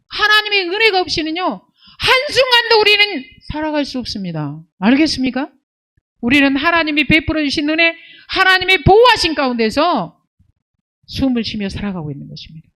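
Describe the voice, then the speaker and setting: Woman pastor, sermon delivery, lively pitch that swings widely, fairly high voice, emphatic and scolding. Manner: emphatic preaching with rhetorical questions and call-and-response "예".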